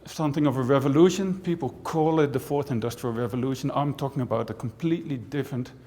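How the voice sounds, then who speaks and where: A man from the Netherlands gives a talk to a room full of people, chatty and wry, and he keeps checking in with the crowd. His voice sits at an ordinary pitch. A long reverb from the large auditorium trails behind every phrase. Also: quick pace. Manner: lively, conversational, with dry jokes and frequent "right?". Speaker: university professor and speaker. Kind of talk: conference talk to an audience.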